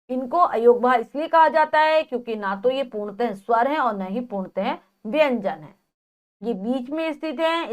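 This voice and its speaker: A woman teaching a grammar lesson in a clear, fairly high voice. She explains each point step by step. Then she goes over it again, asking the class rhetorical questions.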